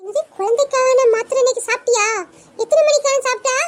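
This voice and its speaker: A woman voicing a worried young girl in a cartoon, firing off anxious questions in a very high voice. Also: quick pace, no room sound. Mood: questioning. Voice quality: very high, bright. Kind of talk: cartoon voice acting.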